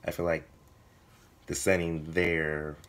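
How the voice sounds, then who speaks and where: Male vlogger, hoarse voice giving out, slow and fairly monotone, casual delivery to viewers. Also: very deep voice. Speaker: video blogger, writer. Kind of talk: casual vlog talk to viewers.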